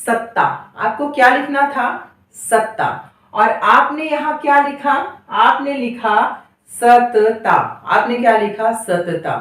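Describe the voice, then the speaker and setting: A woman teaching Hindi letters in an unhurried classroom manner. She asks questions and answers them herself, and she draws out example words. Her fairly high voice comes from a little way off the mic in a room with a lot of echo. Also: a bit bright. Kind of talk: slow classroom explanation. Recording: very echoey, voice from a distance.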